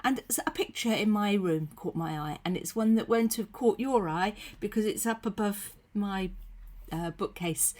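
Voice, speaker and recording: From her room at home, a faith leader with a cold gives a short, casual devotional to camera through her computer webcam. Her husky, croaky voice is medium-pitched and moves at normal speed. She is gentle and chatty, with frequent ums and soft asides.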